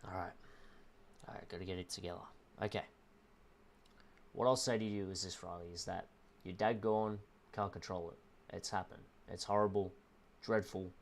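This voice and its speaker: Young male streamer with a low voice, heartfelt and emotional, speaking haltingly to a viewer. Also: steady tone, gravelly. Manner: earnest, halting, repeats "bro" and "man". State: emotional, close to tears. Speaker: livestreamer.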